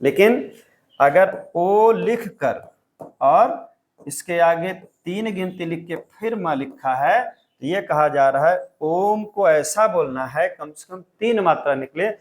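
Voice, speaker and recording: A man's voice: high-pitched, expressive, slow. A male teacher giving an exam-prep lecture, explaining step by step and repeating key points.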